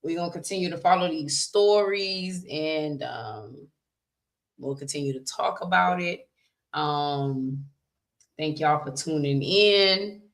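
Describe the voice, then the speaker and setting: A woman's voice: deep voice, slow pace. A woman co-hosting a podcast, chatting casually, laughing often and pressing her points with emphatic repetition. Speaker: podcast co-host. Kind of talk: casual chat.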